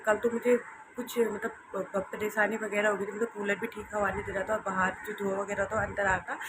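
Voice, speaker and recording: A young woman narrating her day in a casual home vlog, hoarse and tired, rambling softly and repeating herself. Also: medium pitch, little pitch movement, fairly quick. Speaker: vlogger. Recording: noisy home recording.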